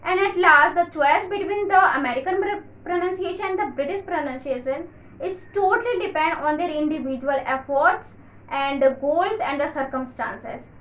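A woman with a very high voice teaches English pronunciation in a casual video lesson. She explains at length, repeats her points, and pauses often with "uh". Her voice rings in a roomy, echoing space. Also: fairly bright tone. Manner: explains at length, repeats phrases, frequent "uh" fillers.

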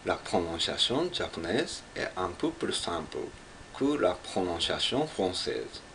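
Slow and very animated, his low voice has a slightly bright quality, with a bit of hiss or hum in the background. He is a man from Japan with a Japanese accent, a French learner working through pronunciation one syllable at a time and echoing it in Japanese as solo language practice.

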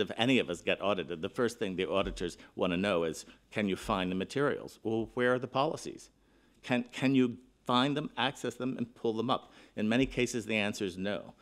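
A middle-aged man giving a keynote talk at a conference, seated at a panel table and speaking into a table microphone in an earnest, emphatic way, often restarting his phrases. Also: fairly low pitch.

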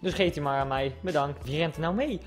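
A young man commentating his own football video game play, excitable and swinging between low mutters and loud shouts. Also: brisk, faint music behind. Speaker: gaming YouTuber. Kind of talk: live gameplay commentary.

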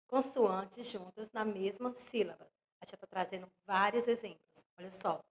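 Woman, young, Brazilian accent, primary teacher, slow delivery, fairly high voice, spells out words one by one. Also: fairly bright tone. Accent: Brazilian Portuguese. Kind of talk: online lesson for young children.

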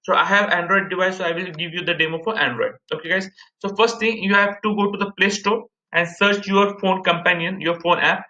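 The speaker is a man in his thirties with an Indian accent, casually leading a repetitive, step-by-step screen-share tutorial and addressing viewers as "guys." His high voice is bright and forceful, brisk with few pauses, and fairly even in intonation. It's a muffled, echoey room recording.

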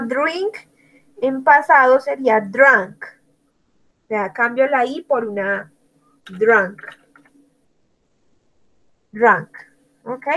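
In poor audio, a woman with a slightly high, fairly bright voice teaches an online English lesson. She spells out words letter by letter and praises students by name.

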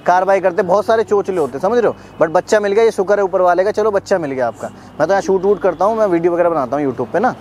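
Young male vlogger, rapid and high-pitched, urgent and scolding, outdoors with light traffic noise. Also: darkish tone. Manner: urgent, scolding, talks fast with many repeats. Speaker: YouTube creator. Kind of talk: outdoor prank-style vlog. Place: outdoor public park.

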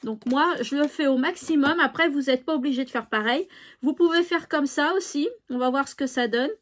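A woman's voice: high-pitched, a little fast. A woman hosting a craft tutorial, chatting casually and thinking aloud with fillers. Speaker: craft channel host.

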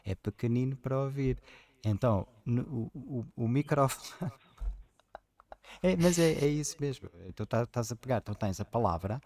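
A man's voice: medium pitch, moderate pace, no echo. A man leads an informal reading session, eagerly explaining ideas aloud to a child. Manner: animated explaining, eager, pointing things out. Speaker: reading group leader. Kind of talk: informal teaching chat with a child.

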